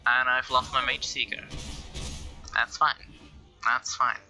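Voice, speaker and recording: A man's voice: medium pitch, flat delivery, takes it slowly, sharp tone, soft background music. A man giving casual game commentary, thinking aloud in a hesitant way. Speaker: gameplay commentator.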